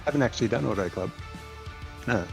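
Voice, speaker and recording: A man's voice: fairly low pitch, expressive, fast talker, vocal fry, soft background music. A man guesting as a racing driver, chatting modestly and hesitantly with many ums after a race. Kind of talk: casual post-race chat.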